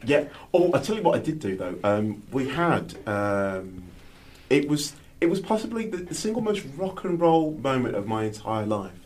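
A man's voice: medium pitch, big pitch swings, normal speed, darkish tone. A man, a novelist co-presenting a radio book show, telling rambling self-deprecating anecdotes full of hesitations. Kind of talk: casual radio chat.

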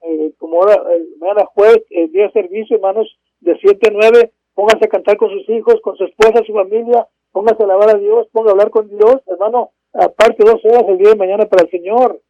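A man's voice: high voice, steady tone, fairly quick, few pauses, no room sound. A man preaching a sermon from home, fervent, calling out to his brothers and crying praise between verses. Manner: fervent, repeats "hermanos" and bursts of "gloria a Dios, aleluya". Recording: dull, dry lo-fi recording.

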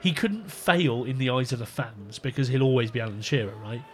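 A man's voice: medium pitch, fairly quick. Man, casual watch-along co-host, banter and swearing, slight background noise.

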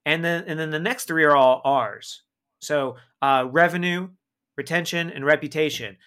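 A man whose clean-toned voice sits on the high side speaks at normal speed as a podcast guest and marketing expert. Energetic and emphatic, he regularly closes his points with "right?"

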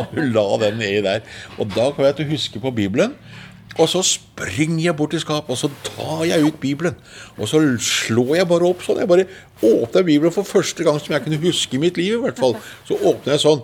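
An older man from Norway, a singer and preacher, tells a personal testimony in an unhurried storytelling manner, acting out his past thoughts as quotes and often repeating words. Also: a little high, animated, a little hiss or hum. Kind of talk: personal testimony told in an interview.

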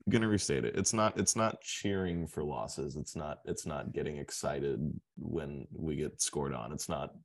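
A podcast co-host with a very deep voice talks hockey casually. He leans into his points, restarting and repeating words as he goes. It sounds like an informal chat among friends at the mic. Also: normal speed, vocal fry. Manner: emphatic, repeats words while building a point.

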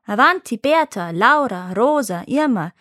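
Woman playing a harried farmer shouting at cows, slightly raised pitch, dry close voice. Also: animated, a little slow, dry recording. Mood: urging. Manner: urging, exclaiming. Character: impatient, harried old-world male farmer.

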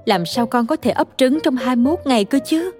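A woman voicing a gentle, loving mother in a storybook reading, softly and patiently explaining. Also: sits high, lively intonation, fast talker, soft background music, pitched above the performer's own voice. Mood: tender.

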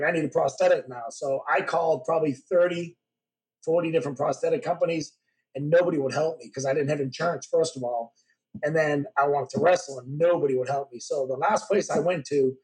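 A man's voice: a little high, poor audio. A man, a podcast guest, telling stories in a casual interview and acting out the dialogue. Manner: animated storyteller who acts out dialogue. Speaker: podcast guest, former pro wrestler. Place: podcast studio.

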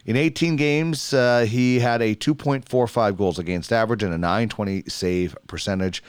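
A man's voice: lowish voice, moderate pace, clean tone, no room sound, clean studio sound. A man from Alberta, Canada, hosting a hockey show and reading out player profiles and statistics. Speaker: hockey podcast host.

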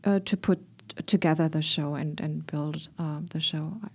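A woman's voice: low voice, steady tone, a little slow, darkish tone, breathy edge. A woman guest answering interview questions, hesitant, with many fillers. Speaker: guest, puppetry instructor.

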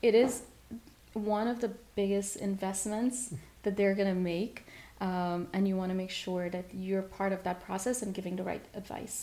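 Fast-talking woman from Guyana, real estate agent. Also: mid-range voice, flat delivery, dark tone. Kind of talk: interview guest.

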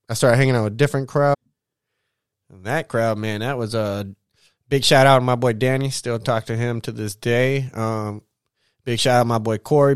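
Laid-back slangy man, smooth dry voice. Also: medium pitch, dry recording. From Southern California. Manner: laid-back, slangy, profane, lots of shout-outs. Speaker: vlogger. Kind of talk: casual storytelling monologue.

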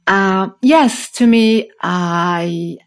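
A Moroccan woman in her thirties, a startup founder, tells her story as a podcast guest. She is earnest and reflective, restarting frequently, with a mid-range voice and drawn-out words.

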